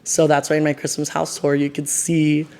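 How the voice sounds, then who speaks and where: A man's voice: fairly high pitch, monotone, normal speed, vocal fry, mellow. A 21-year-old man vlogging, chatting casually to camera and venting in a rambling way, with lots of filler words. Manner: rambling and venting, heavy use of "like". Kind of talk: casual sit-down chat to camera. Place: his decorated home.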